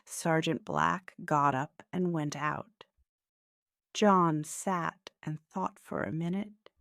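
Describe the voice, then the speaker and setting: A woman narrating a story slowly and clearly for English learners, with an expressive reading voice. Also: low voice, dry recording, clean studio sound.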